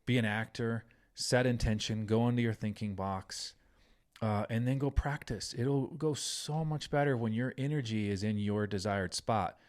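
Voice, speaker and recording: A middle-aged man hosting a parenting podcast, telling a story in an earnest, animated way and saying "like" often. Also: medium pitch, moderate pace. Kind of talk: casual podcast conversation.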